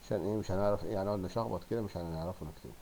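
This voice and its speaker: Man, Egyptian accent, low-pitched, teacher, stretches words for kids, encouraging. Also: dark tone, slight background noise. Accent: Egyptian Arabic. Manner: coaxing, drawn-out word modeling with praise. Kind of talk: primary school Arabic lesson.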